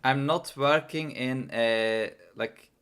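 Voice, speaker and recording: This young livestreaming programmer has a mid-range voice that is a bit bright, clear and resonant, yet worn and tiring, and he takes his time. During the casual coding stream he mutters to himself, trailing off between ideas.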